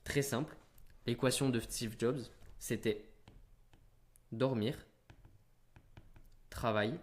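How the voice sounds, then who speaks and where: A teenage man giving business advice straight to camera in an energetic, punchy way. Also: medium pitch, takes it slowly. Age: teens.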